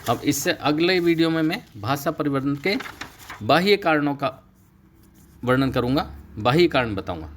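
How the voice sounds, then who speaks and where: A middle-aged man teaching a Sanskrit class, explaining steadily and slowing down to stress key terms. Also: on the high side, expressive, a bit bright, a little hiss or hum. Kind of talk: recorded online lecture.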